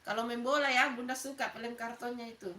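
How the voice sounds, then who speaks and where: Middle-aged woman, Makassar accent, high bright voice, chatty live-stream host, echoey room, off-mic. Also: fairly even intonation, a little fast, far from the mic. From Makassar, South Sulawesi. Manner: chatty, greets viewers by name, laughs often. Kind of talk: casual live-stream chat with viewers.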